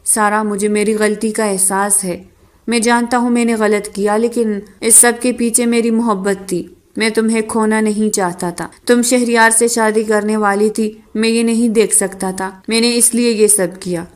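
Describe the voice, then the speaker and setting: A woman's voice: medium pitch, fairly even intonation, close to an everyday voice. A woman reading the lines of a remorseful young husband who pleads with his wife for forgiveness, in an audiobook novel reading. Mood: pleading. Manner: pleading, earnest.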